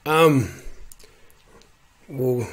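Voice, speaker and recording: A man in his twenties with a medium-pitched voice talks casually as a guest on a podcast. He is laid-back and slangy, repeating his phrases as he tells anecdotes. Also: expressive, extremely slow, husky. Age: 20s. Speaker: podcast guest, rugby league player.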